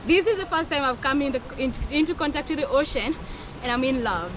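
A young woman vlogging her travels, talking excitedly and laughing often, filmed on a handheld camera outdoors. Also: sits high, quick pace. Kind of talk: casual travel vlog. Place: outdoors on a windy coastal cliff. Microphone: action camera at arm's length. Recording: outdoor wind and surf noise.

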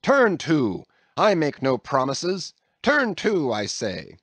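A man's voice: fairly high pitch, wildly swooping pitch, slow, a bit bright, breathy edge, no echo, voice pushed up, full character voice. A man voicing an angry ship captain who bellows short commands at his crew. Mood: furious.

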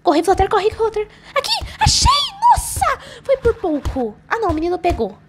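A very high, lively woman's voice narrates a let's-play, jumping between frightened exclamations and chatty asides to her viewers. She keeps coaching herself aloud as she plays. Game music plays underneath throughout. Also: normal speed. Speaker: gaming channel host.

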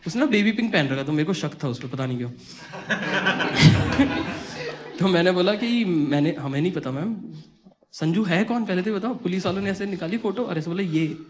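A young man telling a comic school story on stage, animated and acting out the voices of friends and teachers. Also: high-pitched, normal speed, pauses often. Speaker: stand-up comedian. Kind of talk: stand-up storytelling.

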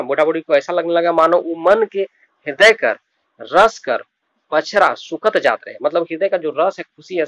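A man's voice: on the high side, fairly bright tone, no room sound. A male teacher, explaining a regional story by reading lines in dialect and paraphrasing each one plainly.

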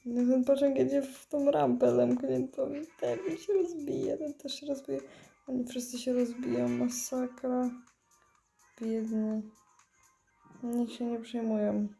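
A stoned woman, high on weed, giving dazed, giggly, foul-mouthed rambling commentary while gaming. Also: steady tone, unhurried, gravelly, warm tone, faint music behind. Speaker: mobile game player. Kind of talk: casual gameplay commentary.

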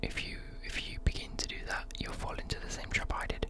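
A young adult with a British accent giving a whispered, informal ASMR chat, with soft mouth sounds. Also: fairly quick. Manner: whispering throughout. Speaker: ASMR creator, university student. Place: indoors at a desk. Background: occasional tapping and desk creaks.

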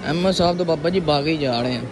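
A young adult man with a fairly high voice talks fast to his phone camera at arm's length, vlogging casually in a shopping mall. A crowd can be heard in the background as he jokes and shows off a little.

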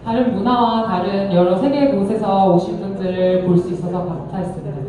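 Female interpreter, mellow tone, hesitant, self-correcting, consecutive interpreting, far mic, very echoey hall. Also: medium pitch, fairly quick, slight background noise. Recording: very echoey hall, distant microphone.

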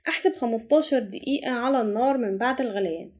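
Brisk high-voiced Egyptian woman. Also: a little mellow. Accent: Egyptian Arabic. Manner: brisk step-by-step instructions. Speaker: cooking channel host. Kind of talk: recipe voice-over narration.

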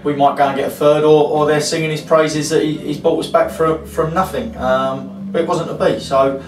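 Football manager, 40s, frank and rambling, distant mic in an echoey room. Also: male voice, fairly high pitch, flat delivery, moderate pace. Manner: frank, rambling, many fillers. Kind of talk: post-match interview. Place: club interview room, indoors. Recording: roomy echo, distant mic, faint hiss.

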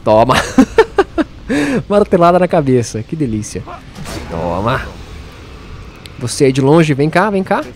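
A man's voice: mid-range voice, big pitch swings, moderate pace, long pauses, a little mellow, a little hiss or hum. A man giving casual gameplay commentary, playfully taunting enemies and laughing often. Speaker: let's play host.

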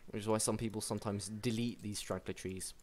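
Excitable man casting a strategy game. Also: fairly low pitch, a little fast. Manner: chatty, excitable, many restarts and fillers. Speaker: game caster. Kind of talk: casual gameplay commentary.

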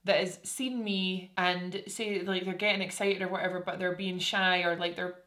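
A woman's voice: lowish voice, little pitch movement, normal speed, a bit bright. A young woman with a broad Scottish accent, chatting candidly and informally in a casual makeup vlog. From Scotland. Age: young adult. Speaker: beauty YouTuber. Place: indoors, small room with curtain backdrop.

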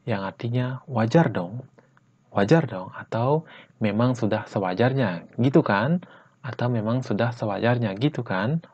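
Husky man teaching slang phrases. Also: medium pitch, lively intonation, a little mellow, dull audio. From Bali, Indonesia. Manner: repeats each phrase slowly, then at normal speed; chatty, ends lines with "guys, ya". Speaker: Japanese language teacher. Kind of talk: casual vlog-style lesson.

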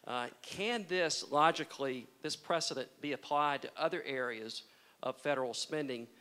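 A man's voice: on the high side, moderate pace, pushed and bright, clean tone. A middle-aged man asking a long policy question at a conference, conversational and searching, with fillers. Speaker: foundation president asking a question. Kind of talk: audience question. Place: large conference ballroom.

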